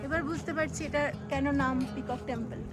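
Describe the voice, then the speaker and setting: A woman's voice: sits high, fairly quick, music in the background. A woman chatting casually as she vlogs, often seeking agreement and mixing in English. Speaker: travel vlogger. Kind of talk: casual on-location chat mixed with English.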